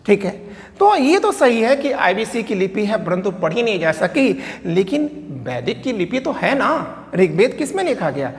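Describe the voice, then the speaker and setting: A man's voice: high voice, sing-song, normal speed, long reverb tail, slight background noise. A man teaching a history lesson. He asks questions aloud, answers them himself, and keeps checking in with his students. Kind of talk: classroom lecture.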